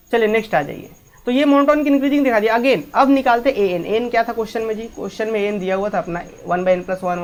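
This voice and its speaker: A woman's voice: mid-range voice, a little mellow. A woman maths teacher explaining a lesson step by step, mixing English maths terms into her talk and asking students many questions.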